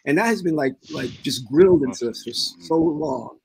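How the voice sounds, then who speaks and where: Soft-spoken husky man. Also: fairly high pitch, huge pitch swings, normal speed. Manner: soft-spoken, calls himself meek. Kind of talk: casual discussion.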